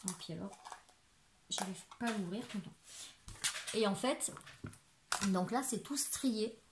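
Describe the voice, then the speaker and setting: A chatty woman in her forties from France, rambling through a crafting haul at home. Her voice sits mid-pitch and bounces around a roomy, echoey space. A steady hiss of background noise runs underneath. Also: unhurried. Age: 40s. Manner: chatty, rambling, many fillers and restarts. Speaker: crafting YouTuber. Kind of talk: casual haul video. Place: home living room.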